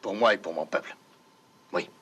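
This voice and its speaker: An actor playing a firm colony commander, terse and authoritative, in a dubbed science fiction series. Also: male voice, low-pitched, moderate pace, fairly bright tone, breathy edge. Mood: guarded, firm.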